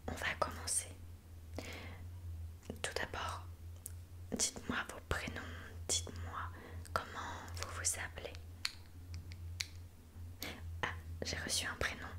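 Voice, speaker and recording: A woman plays a mystical female fortune teller in a whispered ASMR roleplay, calling listeners darling. She speaks slowly and soothingly, with a pushed, bright quality to her voice.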